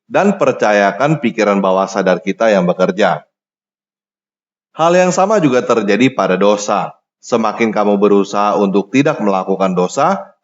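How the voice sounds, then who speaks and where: A man giving a scripted sermon in a measured, emphatic teaching manner. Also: lowish voice, dull audio. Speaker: preacher.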